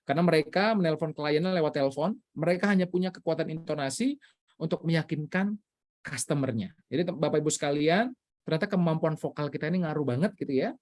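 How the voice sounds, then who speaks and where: A man from Indonesia, a public speaking coach, teaching an online workshop in an energetic way, mixing in English phrases. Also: quick pace. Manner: energetic, swings pitch for emphasis, mixes in English phrases. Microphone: video call.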